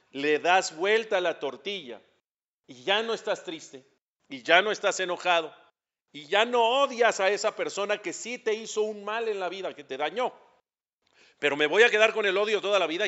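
A man's voice: high-pitched, pushed and bright, dull audio. Emphatic Mexican man lecturing. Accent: Mexican Spanish. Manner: asks the audience questions, rises to emphatic peaks. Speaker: rabbi. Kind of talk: religious lecture.

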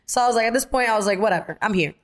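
Rapid-fire and fairly high-pitched, a young actress guest tells stories in a casual interview, performing the lines of the people she quotes. Her style is animated and packed with fillers.

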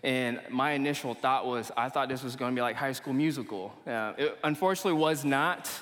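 This young preacher from Kuala Lumpur, Malaysia, talks to a young adults church group in a casual, slangy, conversational way. His voice is mid-range, fairly quick and fairly bright. The recording carries the long reverberation of the church meeting hall.

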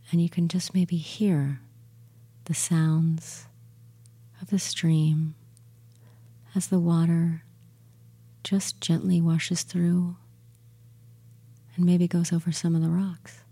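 Speaking low and very mellow, a woman guides listeners through meditation and a hypnosis induction as a relaxation hypnotist. Long, gentle pauses separate her phrases, and her soft, breathy, soothing murmur sometimes fades almost to a whisper.

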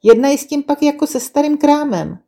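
A woman's voice: high voice, expressive, warm tone, voice pushed up. A woman voicing a weary, sceptical female owl who sighs and scolds the other animals in a storybook tale. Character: grumpy wise female owl, scornful and weary.

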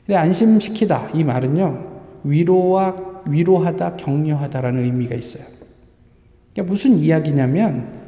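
A man's voice: sits high, mellow. Man preaching in an echoey hall. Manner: asks the congregation rhetorical questions. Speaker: pastor. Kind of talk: Sunday sermon. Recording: echoey hall with long reverb.

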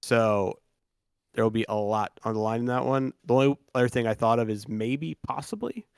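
A man's voice: medium pitch, moderate pace, vocal fry, smooth, dry recording, studio quality. A man co-hosting a sports podcast in loose, casual chat, swearing freely and restarting his sentences often. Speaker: podcast co-host.

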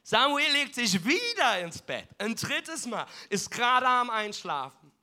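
A male pastor preaches with a high, bright voice that sounds forceful and tense. He tells the story in a lively way and mixes in jokes and asides. The delivery is full sermon storytelling. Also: measured pace.

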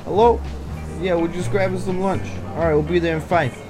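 Man playing a high-pitched, bossy criminal enforcer. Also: steady tone, fairly quick, music in the background, natural voice. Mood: casual, coaxing. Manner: casual, bossy, slangy. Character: gruff, impatient criminal enforcer, breezily casual about violence.

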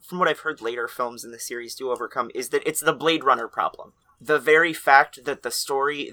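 Very bright-voiced man, casual podcast co-host. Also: mid-range voice. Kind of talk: casual film discussion.

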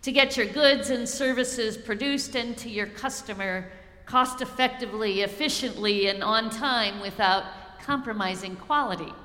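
A middle-aged woman pastor delivers a sermon in a long, ringing church hall. Her voice is slightly high and bright, and she slows down to lean on the phrases that matter. The echo of the sanctuary hangs after each line. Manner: measured, slows to stress key phrases.

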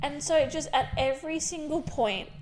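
A woman's voice: high voice, normal speed, crowd noise. A woman talking casually about a romance novel, blunt and chatty, now and then swearing. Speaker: book podcast co-host. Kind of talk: casual book discussion.

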